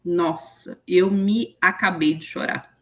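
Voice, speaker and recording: A woman, an interview guest telling an emotional story with lively quoted voices. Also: on the low side, takes it slowly. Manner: animated retelling with acted quotes.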